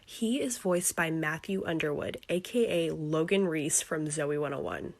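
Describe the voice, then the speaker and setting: A woman's voice: low-pitched, lively intonation, moderate pace, creaky. A woman chattily narrating fun trivia in a casual, enthusiastic way.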